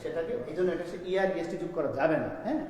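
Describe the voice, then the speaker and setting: A man's voice: fairly high pitch, very fast, darkish tone. A man teaching a classroom grammar lesson, explaining step by step and asking his students questions as he goes. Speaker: school teacher. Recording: echoey room, long reverb.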